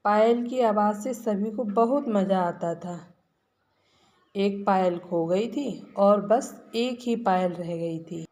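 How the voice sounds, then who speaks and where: A woman's voice: mid-range voice, takes it slowly, mellow. A woman teacher going through workbook answers for children, patiently asking questions and then answering them herself. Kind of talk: classroom lesson explaining workbook answers.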